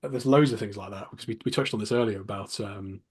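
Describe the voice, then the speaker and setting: A man hosting a podcast, chatting casually and getting animated on tangents. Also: fairly low pitch, fast talker, husky. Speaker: podcast host.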